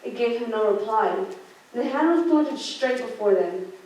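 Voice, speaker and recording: Young female narrator, higher voice, halting scripted read of a holiday play, very echoey room. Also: animated, darkish tone. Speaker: narrator in a student radio play. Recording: very echoey room, distant microphone.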